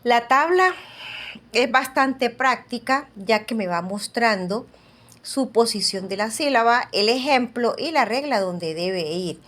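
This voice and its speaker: A woman's voice: fairly high pitch, lively intonation, takes it slowly, a bit bright. A woman teacher giving a recorded lecture, explaining step by step in a patient way and often checking in with the listeners.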